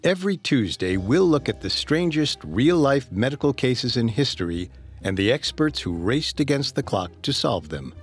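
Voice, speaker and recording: A male podcast host delivers scripted mystery narration in a slightly rough, husky voice. His pitch is middling but moves around a lot, with faint music underneath. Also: very animated, normal speed.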